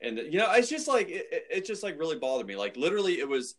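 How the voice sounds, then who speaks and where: On a podcast, a male co-host talks films casually and opinionatedly, exasperated and peppering his speech with "like" and "dude." His voice is on the high side and a bit bright, with big pitch swings and a fast pace.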